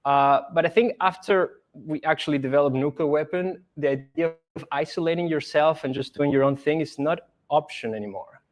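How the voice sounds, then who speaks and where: A man's voice: on the high side, moderate pace. A young man from Argentina speaking English as a podcast guest, thoughtful and earnest, with some hesitant restarts. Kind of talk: casual conversation.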